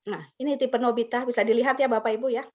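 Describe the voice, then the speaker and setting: A fast-talking woman with a slightly high, steady voice delivers an online webinar for teacher training. She keeps things chatty, laughs often, and uses English words here and there, all heard through slightly muffled video-call audio.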